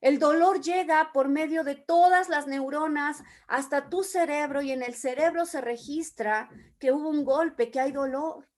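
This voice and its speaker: A woman's voice: sits high, a little slow, hardly any pauses, a little mellow. A woman leading a Bible study, reading scripture aloud and explaining it with everyday examples. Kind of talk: Bible teaching.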